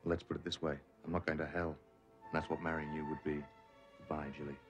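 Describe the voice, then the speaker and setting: A man's voice: very deep voice, little pitch movement, fast, music in the background. An actor playing a cool, curt, defiant man in a television soap drama. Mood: cold, defiant. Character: cold, defiant, controlled man rejecting a blackmailing lover.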